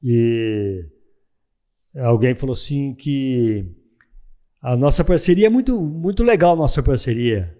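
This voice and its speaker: Relaxed man host. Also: mid-range voice, slow, pauses often. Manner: relaxed, stammering restarts. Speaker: podcast host, radio presenter. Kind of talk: casual chat. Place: podcast studio.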